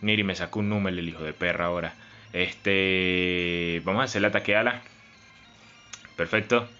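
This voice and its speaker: A man's voice: low-pitched, fairly even intonation, moderate pace, bright, forceful tone. Emotional young man narrating gameplay. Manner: dramatic and emotional, pleading and lamenting. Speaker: gaming YouTuber. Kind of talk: Let's Play commentary. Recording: slightly dull recording with game music behind.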